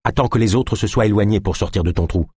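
A man's voice: on the low side, fast talker, a little mellow, slightly rough, no room sound. A man voicing a tough young woman hunter who talks in a terse, urgent way, with swearing. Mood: stern.

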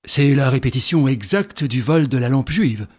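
A man's voice: mid-range voice, lively intonation, normal speed, darkish tone, lightly acted. A man voicing a male baron who speaks with a touch of irony. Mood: ironic. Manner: ironic. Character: startled, wry male aristocrat baron.

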